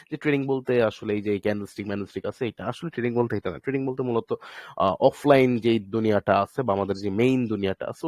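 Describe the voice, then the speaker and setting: A man's voice: medium pitch, dry recording. Man, online class instructor, patient question-and-answer explaining, dry close sound. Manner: mixes English phrases into his talk. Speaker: trading course instructor. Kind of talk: live online class lecture.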